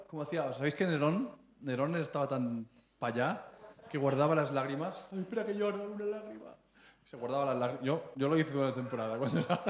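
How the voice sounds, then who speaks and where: The sermon comes from a Spanish-accented man in his thirties whose voice is fairly high. His chatty delivery includes frequent check-ins with the congregation plus stumbles and repeated words, recorded in an echoey church hall with slight background noise.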